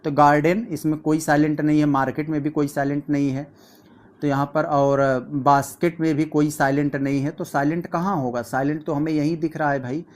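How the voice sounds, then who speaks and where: Male tutor, slightly high voice, patient step-by-step exam explainer. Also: flat delivery. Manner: explains step by step, reads questions aloud slowly. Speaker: teacher. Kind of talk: exam practice lesson.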